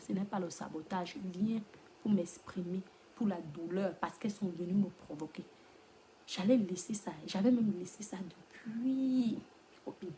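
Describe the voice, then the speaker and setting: A woman talks straight to her followers in a live stream, lecturing them like a teacher. She jumps between loud exclamations and hushed whispers, with a mid-pitched voice and faint noise behind her. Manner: addresses listeners as girlfriends, lecturing tone.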